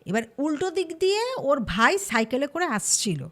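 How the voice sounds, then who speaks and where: Animated high-voiced woman storyteller. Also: normal speed. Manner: lively, acts out quoted voices. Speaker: storyteller guest. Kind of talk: casual storytelling.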